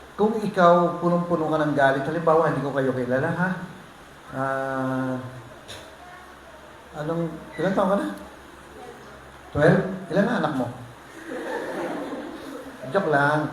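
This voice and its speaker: A man preaching a sermon as pastor, joking with and teasing the congregation. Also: a little high. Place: church hall. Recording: echoey hall with faint noise.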